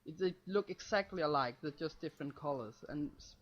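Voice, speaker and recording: A woman's voice: sits low, lively intonation, fairly quick, dull audio. A woman co-hosting a casual podcast, teasing the others and giggling often. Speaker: webcomic creator, podcast co-host.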